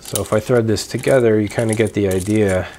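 Young male host, lowish voice, laid-back show-and-tell, lapel mic, faint hiss. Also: brisk. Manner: relaxed, explanatory, frequent fillers and restarts. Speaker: homebrewing video host. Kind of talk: casual show-and-tell demonstration. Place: small dim room at home, indoors.

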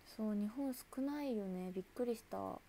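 A woman's voice: a little high, normal speed, warm tone, a little hiss or hum. A woman idol chatting casually with viewers on a livestream, talkative and laughing often.

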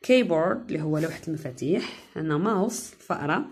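A woman's voice: sits low, animated, fast talker, a little hiss or hum. A woman English teacher with an Algerian Arabic accent, giving a chatty recorded lesson that explains English terms in dialect, with frequent hesitations.

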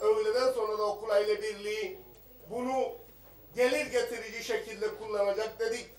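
A man's voice: sits high, distant mic. A man giving a combative parliamentary speech at a rostrum microphone, firing rhetorical questions at the minister. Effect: speaking at a rostrum microphone in an assembly hall. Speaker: member of parliament. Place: parliament chamber. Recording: echoey chamber, voice a bit off the mic.

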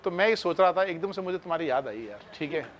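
A man's voice: on the high side, animated, fast, a little hiss or hum. A man teaching chemistry in a casual, chatty way, talking to his students like friends. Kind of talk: casual classroom talk.

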